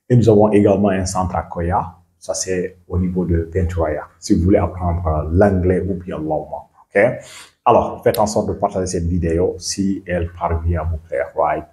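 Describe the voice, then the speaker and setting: A man's voice: sits low, dark tone. A man teaching an English pronunciation lesson, moving between English and French and often checking in with "right?" and "ok?". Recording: echoey room.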